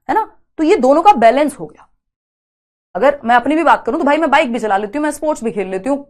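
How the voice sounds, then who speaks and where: Woman teacher, fairly high voice, rhetorical questions, dictating notes. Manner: explains with rhetorical questions and tag questions; mixes English terms into her explanations and dictates notes. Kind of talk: exam-prep lecture.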